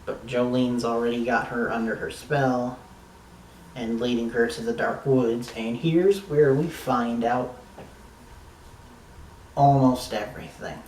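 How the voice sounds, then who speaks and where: Guy slowly rambling thru a tv episode review, fan energy, bit of swearing, echoey room and kinda off mic. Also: mid-range voice, fairly even intonation, darkish tone, far from the mic, slight background noise. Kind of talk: casual review monologue.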